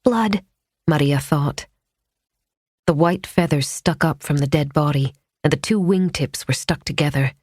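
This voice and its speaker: Woman narrator, low register, measured and tense, dry studio read. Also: steady tone, darkish tone, no echo. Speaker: audiobook narrator. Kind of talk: scripted narration.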